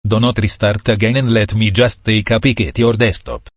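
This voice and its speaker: A man's voice: on the low side, fairly even intonation, normal speed, no echo, studio quality. A man doing a smug, taunting computer virus villain. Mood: menacing. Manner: taunting, escalating threats. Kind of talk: comedic skit voice acting.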